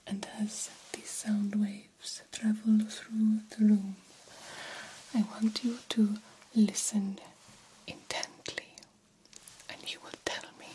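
This is an ASMR roleplay in which a woman plays a soothing, formal vampire doctor. She uses a breathy whisper at medium pitch, slightly mellow, with deliberate, old-fashioned phrasing. The recording sounds rough.

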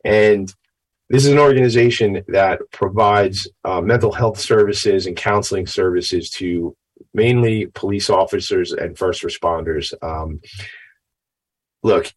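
Gravelly, low-voiced New man hosting. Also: unhurried, poor audio. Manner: folksy, chatty, self-branding patter. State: a little tired after a late night. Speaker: show host. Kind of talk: informal upbeat talk-show monologue.

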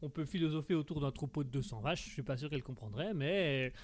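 A man's voice: fairly high pitch, quick pace. Punning man streaming live. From Belgium. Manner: rambling, punning, full of fillers and restarts. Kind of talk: casual live stream chat reading chat messages.

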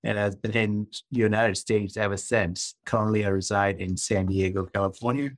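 A Malaysian man in his fifties, a guest author and coach, explains things earnestly during a podcast interview and uses rhetorical questions. His voice is fairly low and steady, at a normal speed. The audio has no echo.

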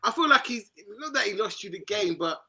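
A man's voice: sits high, lively intonation, a little fast, over a noisy crowd. A man with an urban London roadman accent, hosting casual, slangy football banter and often repeating himself. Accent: London, urban street slang. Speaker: football fan show host.

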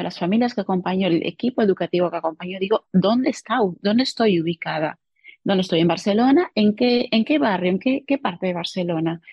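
A woman's voice: medium pitch, darkish tone, slightly rough, dry recording. A woman psychologist talking as a guest in an interview, earnestly explaining and often tagging her sentences with questions, heard over a remote call. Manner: earnest, explanatory, keeps adding tag questions. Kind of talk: casual interview conversation. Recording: dull lo-fi call audio.

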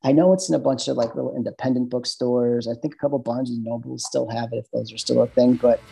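Easygoing Midwestern guy, husky and dark-toned, rambles through stories on a podcast. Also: medium pitch, fairly even intonation, quick pace, rough recording. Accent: Midwestern American. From American Midwest. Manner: loose, rambling, lots of fillers and restarts. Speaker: podcast guest, bartender. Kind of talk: casual interview chat.

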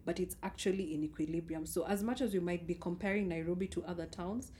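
A woman's voice: on the low side, fast talker, mellow. A woman with a Kenyan accent discussing ideas casually as a podcast panellist. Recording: clearly noisy background ambience.

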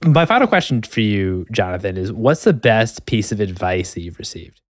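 A man's voice: fairly low pitch, sing-song, moderate pace, dry recording, clean studio sound. A man hosting a podcast interview, enthusiastic and effusive with thanks. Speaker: podcast host.

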